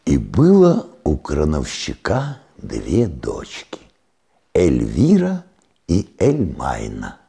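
Man, gravelly husky voice, mellow tone, wildly varied pitch, deadpan joke telling. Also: takes it slowly. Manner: deadpan telling with sudden high shouted punchlines. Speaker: joke teller.

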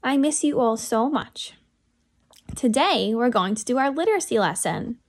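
A young adult woman, a teacher, reads aloud and explains things to young children at normal speed in a slightly high voice. She's expressive and engages the small children with questions during the story and lesson.

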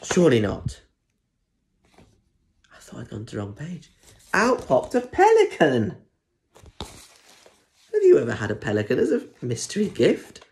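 Unhurried and full of long pauses, this young British man's medium-pitched voice is creaky and darkish, with huge swings in pitch. A primary school story reader, he performs a children's picture book expressively while chatting to listeners in asides. He's recorded in a small indoor room at home, phone or tablet held at arm's length.

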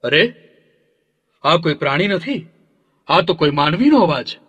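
A man voicing a remorseful, apologetic king in an animated storybook. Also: a little high, measured pace, slightly rough, lo-fi sound, full character voice. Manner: apologetic, pleading. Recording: long reverb hall.

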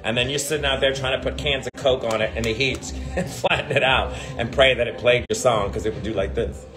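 A brash, profane, sardonic man in his forties, a drag performer, chats casually with viewers on a phone livestream held at arm's length. His mid-range voice is steady and brisk, heard over music. He walks through an indoor hotel hallway and then into an elevator.

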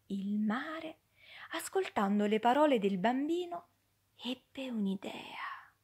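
Woman reading a kids' story, high voice, slow and expressive, goes all hushed a lot. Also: slightly rough.

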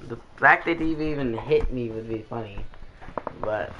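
In a game party between matches, a man swaps casual banter with friends, boasting and throwing out lighthearted trash talk. He speaks at medium pitch and moderate pace with a sharp tone. The chat audio comes through muffled and lo-fi.

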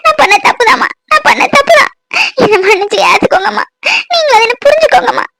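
A woman's voice: sing-song, fast talker, background noise, exaggerated voice. A woman doing a sobbing grown daughter. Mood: tearful pleading. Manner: pleading, sobbing, high-pitched. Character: grown daughter returning home after years, tearful. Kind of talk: cartoon voice acting.

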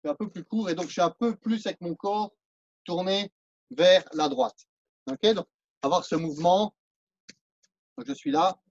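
A man's voice: high voice, moderate pace, long pauses, a little mellow, dry recording, dull audio. A man with a French accent teaching a martial arts class, counting and explaining moves as he demonstrates them. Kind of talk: live online class instruction.

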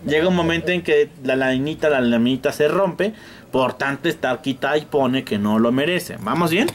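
A man with a Mexican accent demonstrates electronics repair to students in a classroom, joking and mimicking exasperated customers. His mid-range voice keeps a normal speed against slight background noise.

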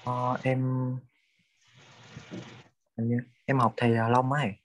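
A man's voice: mid-range voice, flat delivery, a little slow, dry recording. A male student, answering his teacher hesitantly and politely.

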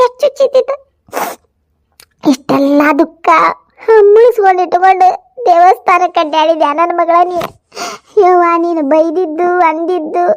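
A woman's voice: very high-pitched, muffled recording. A woman doing a sobbing, tender village mother-in-law. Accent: North Karnataka Kannada. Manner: sobbing, drawn-out lament. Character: tearful older mother-in-law, soft-hearted. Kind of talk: cartoon voice acting.

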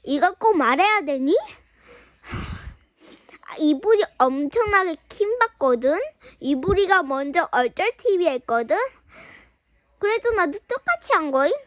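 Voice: extremely high pitch, expressive, unhurried, long pauses, a bit bright, no echo. A child acting out a squabbling pretend-play skit in a whiny manner. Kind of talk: improvised pretend-play skit with several characters.

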